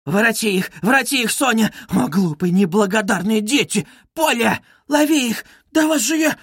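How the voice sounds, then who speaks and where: A man putting on a shrill frantic widow. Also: expressive, moderate pace, a bit bright, slightly rough, no echo, clean studio sound, full character voice. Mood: panicked. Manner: shrill, wailing, haughty. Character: frantic, proud widow, middle-aged woman.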